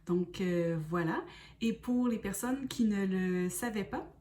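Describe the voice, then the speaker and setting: A woman's voice: mid-range voice, slow, warm tone, distant mic. A woman from Quebec with a Québécois accent, introducing herself as an oracle card reader and explaining her sessions step by step in a friendly way. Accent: Québécois French. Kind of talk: casual self-introduction video.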